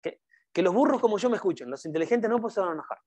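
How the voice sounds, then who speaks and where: A man's voice: high-pitched, lively intonation, very fast, darkish tone. A man giving a motivational network marketing training, speaking emphatically and repeating his key phrases to the audience. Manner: addresses the audience directly. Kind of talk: motivational seminar talk.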